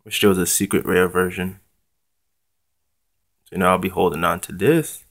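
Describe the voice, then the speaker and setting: A young man talking casually and haltingly, in a laid-back way, as the host of an unboxing vlog. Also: sits low, fairly even intonation, gravelly, fairly bright tone. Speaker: trading card channel host.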